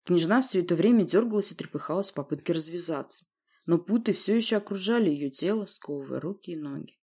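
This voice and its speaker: A woman narrates a fantasy audiobook in a steady, even storytelling manner. Her voice sits fairly low, with a husky grain and a dark, mellow tone. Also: quick pace. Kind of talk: scripted first-person narration.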